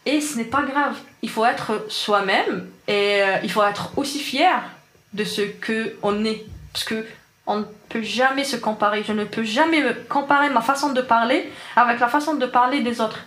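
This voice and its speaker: This woman in her twenties, an engineer from Algeria, speaks French with an Algerian accent, Arabic being her first language, as she sincerely recounts her experience for an interviewer. Her slightly high voice has a fairly bright tone and moderate pace in an echoey room.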